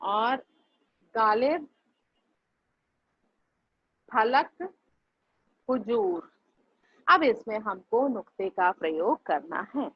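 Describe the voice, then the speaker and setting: High-pitched lady teacher drilling words over and over, patient, kinda muffled lo-fi audio. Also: expressive, very slow, pauses often, breathy edge, no echo. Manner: patient, repeats words syllable by syllable for students. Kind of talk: online class lesson.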